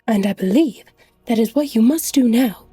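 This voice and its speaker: A woman voicing a kind, supportive android who speaks gently and reassuringly. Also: on the high side, lively intonation, normal speed, husky, soft background music. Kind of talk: fan audiobook voice acting.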